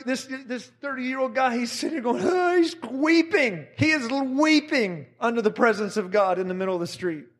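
High-voiced middle-aged man preaching a story. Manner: animated, acts out quotes of others. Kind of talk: sermon storytelling.

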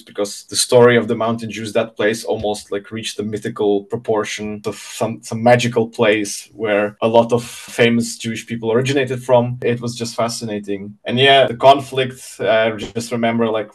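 A man in his twenties from the Czech Republic, answering interview questions earnestly with frequent fillers. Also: on the low side. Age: 20s. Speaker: guest. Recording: voice slightly distant from mic.

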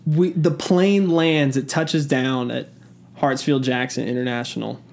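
Man from the Southern US, casual podcast chat, animated storyteller, jokey asides, mid pitch. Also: unhurried, vocal fry. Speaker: podcast co-host.

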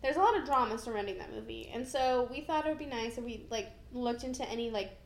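A woman's voice: fairly high pitch, fast talker. A young woman co-hosting a podcast, chatting casually and informally about film with a giggly manner, recorded in a house. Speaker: podcast co-host. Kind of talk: casual film review chat. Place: echoey room in a house. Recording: echoey room with background noise.

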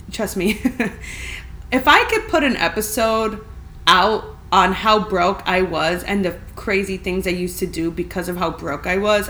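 A woman's voice: on the low side, a bit bright. A young adult woman hosting a casual solo podcast, talking in a chatty, candid way from a big, empty apartment that gives her voice a big echoey room sound. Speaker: podcast host. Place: spacious, empty apartment indoors. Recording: echoey room with faint background hiss.

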